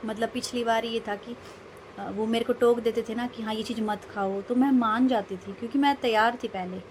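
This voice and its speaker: A woman's voice: a little high, steady tone, moderate pace, darkish tone, a little hiss or hum. A young woman vlogging casually, telling a rambling, emphatic story about her day. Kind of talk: casual vlog monologue.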